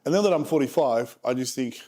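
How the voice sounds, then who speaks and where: Fairly quick and expressive, this forties-aged man speaks with a warm, medium-pitched voice. He's a property investment presenter going casually through charts, frank and tossing in jokes.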